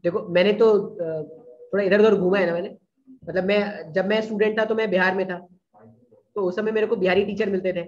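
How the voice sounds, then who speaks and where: Brief: chatty male classroom teacher, somewhat high voice, dull lo-fi recording. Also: steady tone, brisk, a little mellow. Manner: casual, keeps checking if students follow. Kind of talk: classroom lecture.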